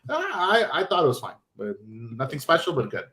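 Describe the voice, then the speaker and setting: A man hosting a podcast and chatting casually, animated and quick, with many restarts. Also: a little high. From New York. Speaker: podcast host. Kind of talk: casual chat.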